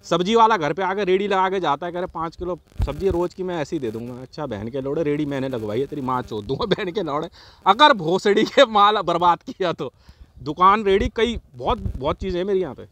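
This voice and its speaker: Animated, laughing man telling a story. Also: high-pitched, a little fast. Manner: laughs often, heavy swearing, quotes neighbours. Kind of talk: casual profane storytelling.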